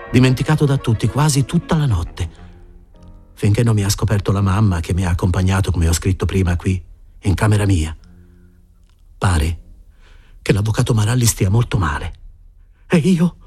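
A man reading a first-person story aloud, expressive and giving voices to the characters. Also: fairly low pitch. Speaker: audiobook reader.

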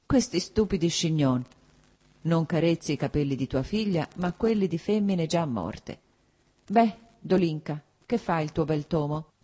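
Audiobook: woman voicing a blunt old prince, low husky tone, scolding. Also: animated, a little slow, mellow, heavily acted. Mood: teasing. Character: gruff old male prince, teasing father.

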